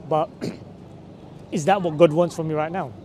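Unhurried and steady, this street preacher speaks in a dark-toned voice that sits on the high side, with a slight hiss or hum in the recording. Talking in a busy city square, captured by a camera mic from a few meters, he keeps pressing his questions persuasively, checking over and over with "right?".

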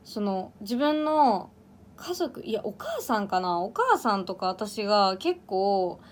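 A woman's voice: mid-range voice, big pitch swings, slow pace. A young woman from Ehime with an Iyo dialect, chatting casually on a livestream, reading viewer comments, laughing often and stumbling over words. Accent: Iyo dialect of Ehime, Japan. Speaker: idol livestreamer.

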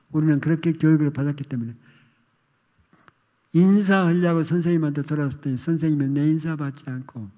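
Older male pastor, dramatic storytelling. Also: on the high side. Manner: animated storytelling with acted outcries. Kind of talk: sermon testimony. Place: church sanctuary. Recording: long reverb of a church hall.

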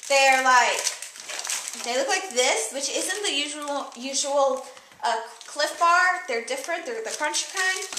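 A young woman talks through her grocery haul in a rambling, chatty way, full of fillers. Her voice sits high. The room is echoey, with steady noise behind her. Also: measured pace. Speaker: vlogger. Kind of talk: casual product haul chat. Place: room with a table by windows, indoors. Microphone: camera mic a few feet away.

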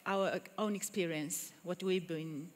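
Leading a workshop in English before a conference audience, this woman from Finland talks slowly in a fairly low, fairly even voice with a Finnish accent. Her manner is friendly yet hesitant, full of fillers and restarts, and the reverberant hall adds faint noise.

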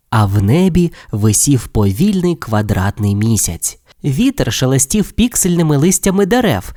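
A storyteller reads a fairy tale for children, talking right to the young listener. The voice rises and falls in a very animated way, and the sound is dry and close to the mic. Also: mid-range voice, dry recording. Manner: warm, addressing the child listener. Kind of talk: scripted audio-tale narration for children.

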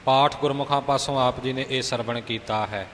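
A man teaching careful pronunciation of scripture, explaining slowly and patiently. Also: medium pitch, fairly even intonation, a bit bright, in a large hall, slight background noise. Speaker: recitation teacher. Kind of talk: pronunciation instruction.

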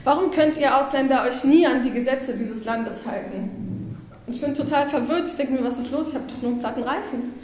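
A woman's voice: high voice, brisk, darkish tone, reverberant, a little hiss or hum. A woman in her twenties from Berlin giving a conference talk on a headset mic, telling stories in an earnest way and acting out what people said to her. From Berlin, Germany. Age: 20s. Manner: earnest storytelling, acting out quoted remarks. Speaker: conference speaker. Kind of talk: stage talk. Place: bright conference room with windows.

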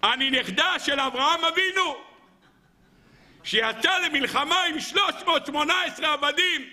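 Man doing a high, bright, shrill old granny, proud and indignant, demanding respect. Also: in a large hall, heavily acted.

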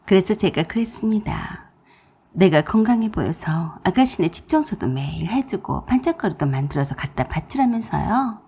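A woman narrating a dramatized first-person story in an expressive, indignant manner. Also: on the low side, normal speed, few pauses, breathy edge.

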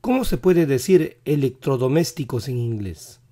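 A male teacher leads a vocabulary quiz, saying each English word slowly and carefully, his voice not yet fully recovered. It's a mid-range, expressive voice with a dark tone.

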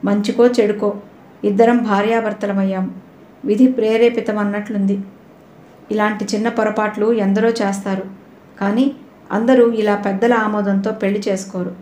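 A woman's voice: mid-range voice, level tone, normal speed, mellow, slight background noise, lightly acted. A woman voicing a young husband who earnestly pleads and reasons with his wife, in an audio novel reading. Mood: pleading. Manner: earnest, persuasive. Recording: roomy echoey recording.

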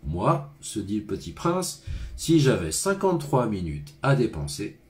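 A man's voice: fairly low pitch, sing-song, a little slow, a little hiss or hum. Guy reading as a wondering little prince boy, asks lots of questions, voice jumps around. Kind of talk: storybook reading aloud.

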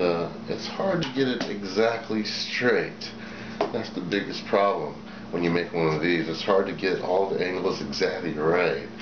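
Deep-voiced man rambling in an echoey room. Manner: rambling, plain-spoken, many fillers. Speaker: video host. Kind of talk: casual show-and-tell demonstration. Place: small indoor room at a table. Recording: echoey room, dull sound, background noise.

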